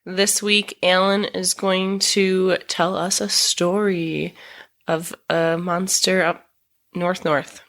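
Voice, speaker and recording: A woman's voice: lowish voice, flat delivery, slow, fairly bright tone. A woman co-hosting a podcast, chatting in a playful, teasing way and laughing often. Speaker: podcast co-host. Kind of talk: casual podcast chat.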